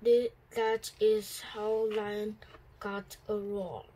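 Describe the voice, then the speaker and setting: Very slow woman reading a storybook. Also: mid-range voice, a little hiss or hum, low-quality recording. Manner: slow, careful, even reading with small slips. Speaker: student reader. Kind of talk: reading a picture book aloud.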